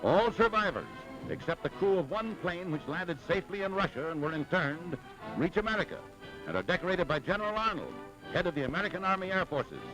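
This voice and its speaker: Male 1940s newsreel announcer, high animated voice, dramatic punch, heavy music bed. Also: brisk, poor audio. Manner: emphatic, dramatic announcer delivery. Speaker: newsreel narrator.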